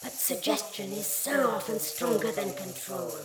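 A woman's voice: mid-range voice, measured pace, reverberant, lightly acted. A woman voicing a hissing, taunting alien energy creature. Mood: menacing. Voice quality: fizzing, hissing voice. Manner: silky, taunting.

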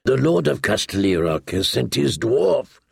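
In a heavily acted audiobook role, a man voices a boastful, lewd, wheedling pirate captain, theatrical and jovial, scornful at times, and fond of questioning tags. His medium-pitched voice swings widely, a little slow, creaky and husky, in studio-quality audio with no room sound.

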